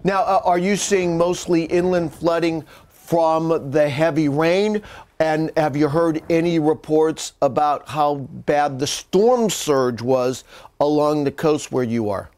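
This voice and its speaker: Higher-voiced male weather news anchor. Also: slow, a little mellow. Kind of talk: live interview questioning.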